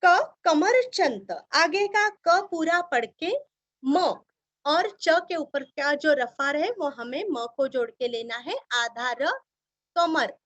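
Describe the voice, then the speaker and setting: Woman recitation teacher, Marathi accent, very slow and careful, breaking verses into syllables. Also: sits high, fairly bright tone, no room sound. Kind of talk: teaching Sanskrit chanting pronunciation.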